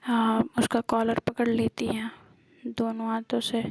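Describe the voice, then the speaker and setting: A woman casually retelling a love story in a soft, half-whispered voice, pausing often on fillers. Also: on the high side, monotone, husky, no room sound, low-quality recording. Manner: hesitant, many filler pauses.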